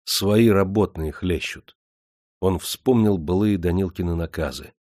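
A man narrating an audiobook in a steady, measured storytelling manner. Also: low voice, no room sound, clean studio sound. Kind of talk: scripted narration.

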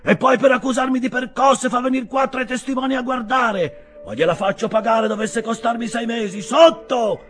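A man voicing a furious, pugnacious male cabman who shouts his accusations in an audiobook reading. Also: very high voice, normal speed, hardly any pauses, soft background music, voice pushed up. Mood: furious shouting. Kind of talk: audiobook character voice.

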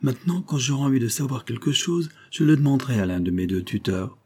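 A man reading aloud, voicing a girl of nearly twelve who speaks calmly, seriously and with odd formality, in a dark, husky voice. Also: mid-range voice, fast, voice pushed up. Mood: grave. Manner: calm, serious, oddly formal for a child.

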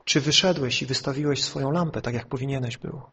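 A preacher voicing a stern, probing judge. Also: male voice, medium pitch, fast talker, sharp tone, husky, voice pushed down. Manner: probing, insistent questions. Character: stern questioning male judge.

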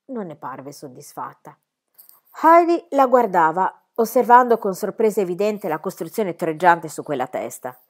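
A woman reading a children's novel aloud expressively. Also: medium pitch. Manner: expressive, lively. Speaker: reader. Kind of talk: storybook reading.

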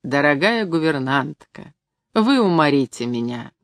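A woman voicing a charming, flirtatious gentleman who teases playfully in a storybook reading. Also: deep voice, very animated, unhurried, no echo, full character voice. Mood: teasing. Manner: playful, teasing.

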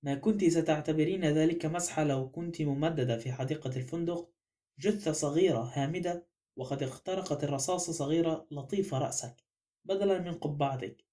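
A man's voice: fairly high pitch, fast talker, dark tone, lightly acted. Hercule Poirot, a vain detective, read by a man. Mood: stern. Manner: pompous and insistent. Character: vain, proud male master detective. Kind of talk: audiobook character reading.

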